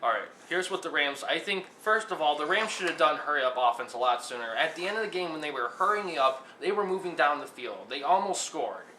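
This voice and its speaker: Argumentative young male co-host, higher voice, roomy sound. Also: animated, fairly quick, hardly any pauses, sharp tone. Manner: argumentative, repeats himself when starting a point. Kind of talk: mock sports talk show debate. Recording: echoey room with faint hiss.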